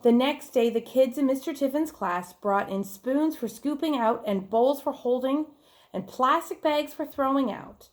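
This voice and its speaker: A woman with a high voice reads a children's story a little slowly, expressive and teacher-like. She gives the characters' lines some acting, asks the audience questions and chats with them in clear storytelling.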